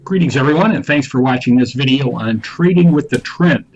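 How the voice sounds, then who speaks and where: A man's voice: medium pitch, fairly quick, a little mellow. A man giving a formal, polite welcome as a trading instructor, heard as a re-recorded playback of an old recording. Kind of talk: scripted video introduction. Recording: muffled lo-fi re-recording with crowd noise behind.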